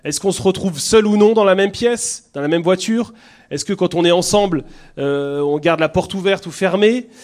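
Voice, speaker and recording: A man's voice: sits high, normal speed, a little mellow. Earnest man with a southern French accent. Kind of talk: conversational teaching talk.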